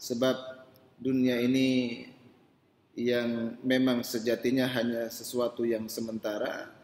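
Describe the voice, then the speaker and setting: A man preaching a mosque sermon, chatting with the congregation and asking them questions, swinging from quiet asides to loud emphatic rises. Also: medium pitch, monotone, slow pace. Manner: conversational, asks the men in the congregation questions directly. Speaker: ustadz preacher. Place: mosque hall. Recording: echoey mosque hall, voice distant.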